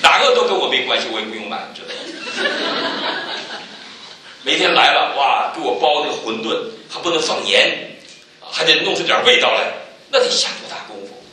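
A man giving a church testimony, telling stories with animated swings and loud exclaiming peaks. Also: a little high, fast talker, very echoey, distant mic, slight background noise, rough recording. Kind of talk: sermon testimony.

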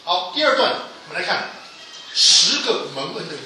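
A man preaching a sermon with emphatic delivery, his voice rising to loud pleas and falling low again. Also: sing-song, normal speed, a little hiss or hum. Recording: echoey hall from a distance.

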